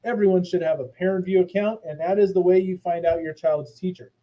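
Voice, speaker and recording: A man giving a casual, chatty school presentation to parents from his office. His audio is robotic and garbled, like a low sample rate, and he uses many fillers and restarts. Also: rough recording. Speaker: school principal. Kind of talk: live online presentation to parents. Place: hot indoor office.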